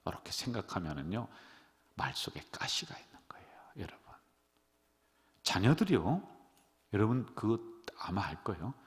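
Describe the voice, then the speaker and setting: A middle-aged man preaching as a pastor, animated, leading his congregation in call-and-response. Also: on the low side, moderate pace, pauses often. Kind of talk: sermon. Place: church sanctuary. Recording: long church-hall reverb.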